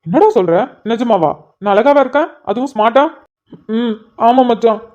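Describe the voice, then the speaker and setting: A woman's voice: a little high, expressive, moderate pace, a little mellow, natural voice. A woman voicing a sentimental young man who is emotional and pleading, in a cartoon. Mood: fond. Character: tearful sentimental young man meeting an old friend. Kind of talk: cartoon voice acting. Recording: slightly muffled lo-fi audio.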